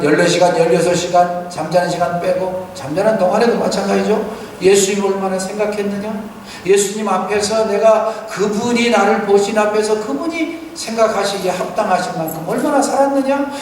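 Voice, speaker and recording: A man's voice: sits high, very echoey, big-room sound, a little hiss or hum. A male pastor giving a Sunday sermon in a church sanctuary. He exhorts earnestly, tells stories, and asks rhetorical questions, picked up by a distant room mic.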